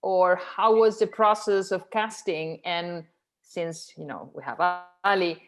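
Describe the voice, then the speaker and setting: A woman moderating a film festival Q&A over a video call, her voice a little low. She speaks very slowly and hesitantly, pausing on many ums and uhs. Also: fairly even intonation. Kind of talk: festival Q&A conversation.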